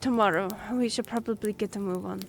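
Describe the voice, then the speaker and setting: Voicing an earnest young half-elf royal messenger, a woman speaks briskly in a steady, mid-range voice with some vocal fry and light acting. It's a one-sided fantasy audio roleplay in which she explains things in a friendly, slightly hesitant way. Background ambience makes the track noisy.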